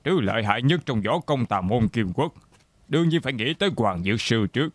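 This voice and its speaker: A boastful monk, voiced by a man in a dubbed drama. His voice is mid-low and plain, recorded dry in a studio. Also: animated, a little fast, no room sound, natural voice. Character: proud martial-arts monk.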